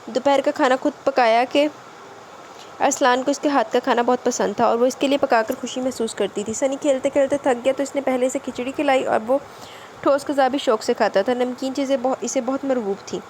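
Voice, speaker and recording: High-voiced woman narrating a novel. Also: slight background noise. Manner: expressive, adds casual comments. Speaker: audiobook narrator. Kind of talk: novel narration with Punjabi asides.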